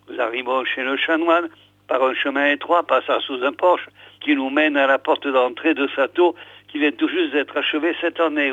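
The host, an older man with a mid-range voice, reads a book aloud on the radio, his delivery halting and full of "alors" and "euh." The recording has no echo and a dry, tinny quality like a phone line.

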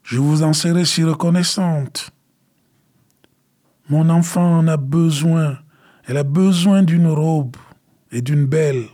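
A man voicing a poor, desperate mother, pleading softly for her child. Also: medium pitch, unhurried, pitched above the performer's own voice, lightly acted. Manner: pleading, soft and gentle.

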